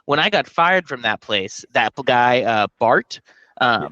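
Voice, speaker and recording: Bright-voiced joking Texas podcast guy. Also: medium pitch, measured pace, no room sound, muffled recording. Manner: animated, jokey, profane storyteller. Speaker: podcast co-host. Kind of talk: casual podcast storytelling.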